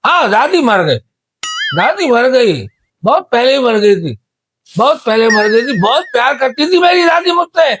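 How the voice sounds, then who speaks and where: An actor playing a deaf man in a comedy interview, who mishears every question and rambles loudly and indignantly. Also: extremely high pitch, sing-song, a little slow, noisy background, full character voice. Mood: shouting lecture. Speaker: guest character in comedy interview. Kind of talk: comedy sketch acting.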